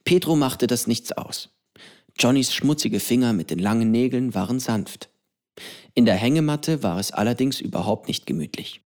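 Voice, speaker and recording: A male audiobook narrator telling a story at a calm, even pace. His voice sits at a middle pitch and stays steady throughout. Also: moderate pace. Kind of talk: audiobook reading.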